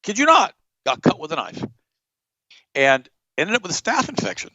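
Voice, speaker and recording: Middle-aged man, fairly high voice, lively swings in pitch, dry dull-sounding mic. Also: normal speed, dry recording. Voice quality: animated, blunt, jumps up in pitch for emphasis. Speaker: podcast host. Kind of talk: casual storytelling chat.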